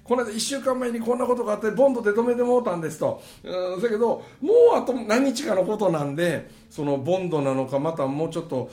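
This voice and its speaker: A man's voice: high voice, fast, few pauses, a little mellow, reverberant. A middle-aged man with a Kansai accent, telling a funny story in casual chat, laughing as he goes. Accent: Kansai Japanese. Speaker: podcast host.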